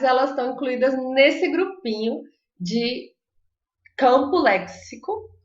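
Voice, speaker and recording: Brasilian-born teacher lady, highish voice, roomy echo, a bit dull sounding, talks warm and chatty to her class. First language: Portuguese. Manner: chatty, encouraging, models pronunciation slowly. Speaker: Spanish teacher. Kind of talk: online language lesson. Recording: echoey room, slightly dull sound.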